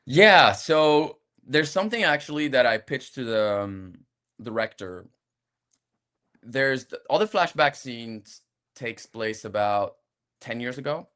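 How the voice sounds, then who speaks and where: This is a casual interview with an actor guest from France whose light French accent has softened over years abroad. He speaks slowly at a medium pitch, relaxed and hesitant, with frequent restarts.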